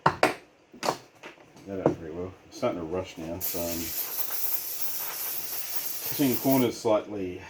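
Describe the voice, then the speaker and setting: A man's voice: sits low, animated, unhurried, long pauses, heavy background noise. A man with an Australian accent giving casual hands-on workshop commentary like a laid-back tradesman, muttering to himself as he works. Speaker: vlogger doing a DIY hardware modification. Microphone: handheld camera.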